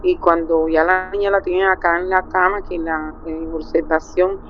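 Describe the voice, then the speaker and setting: A woman's voice: fairly low pitch, level tone, normal speed. A middle-aged Colombian woman with a Colombian accent, calling in to tell a personal story with emotion, acting out quotes. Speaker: caller. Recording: muffled call with faint hiss.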